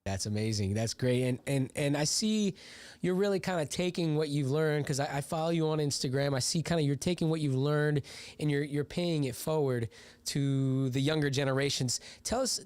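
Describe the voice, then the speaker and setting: A man's voice: fairly high pitch, brisk, darkish tone, no echo. A man hosting an interview show, upbeat and enthusiastic, stumbling over his questions. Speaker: show host.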